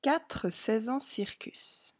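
A woman reading a picture book aloud to children, slow and clear, speaking directly to the young listener. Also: on the high side, lively intonation. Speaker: storybook reader. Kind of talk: read-aloud story for children.

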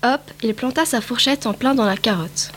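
A woman reads a picture book aloud in a slightly high voice, careful and steady with small slips now and then. Plain storybook narration. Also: normal speed, slight background noise.

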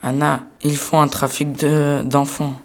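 A woman's voice: low-pitched, level tone, unhurried. A woman voicing a timid, curious schoolboy in an amateur storybook reading, with a hesitant, stammering delivery.

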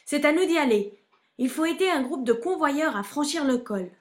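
A woman voicing a kind young male monk in a storybook, calling out loudly and urgently. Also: high voice, expressive, normal speed, voice pushed up. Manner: calls out loudly.

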